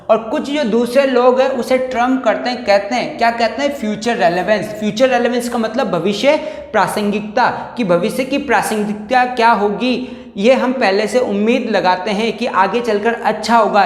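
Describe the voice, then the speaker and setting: A man teaching a class, reading verse lines slowly and then unpacking each one with questions he answers himself. His voice bounces around an echoey room, and a long reverb hangs behind every phrase. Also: high-pitched. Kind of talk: bilingual lesson explaining a poem.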